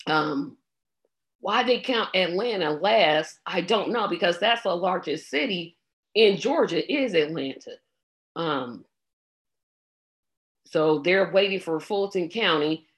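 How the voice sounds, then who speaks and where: A woman's voice: on the low side, expressive, slow, pauses often. A woman with a scratchy throat giving blunt, exasperated commentary on election results, with plenty of ums. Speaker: political commentator. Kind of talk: casual election-night commentary.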